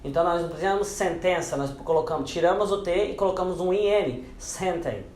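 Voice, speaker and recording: A man's voice: fast talker, darkish tone, roomy sound, a little hiss or hum. A man teaching English pronunciation in a lesson. He explains each rule patiently and repeats the example words several times. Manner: repeats example words, dropping lower for them.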